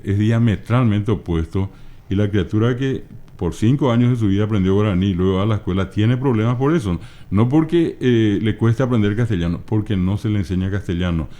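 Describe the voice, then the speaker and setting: Here is a middle-aged man from Paraguay, speaking with a Paraguayan Spanish accent and a very low voice. His tone is dark and mellow, and he talks like a teacher, breaking words apart slowly and patiently. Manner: patient, teacherly, spells out word forms slowly. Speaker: guest, Guaraní language scholar. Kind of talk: explanatory interview talk.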